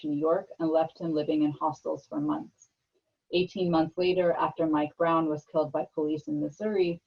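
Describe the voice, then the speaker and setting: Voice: medium pitch, vocal fry, slightly rough. A host formally reading scripted introductions of panelists on an online video call, with small stumbles. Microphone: video call microphone. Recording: muffled video-call audio.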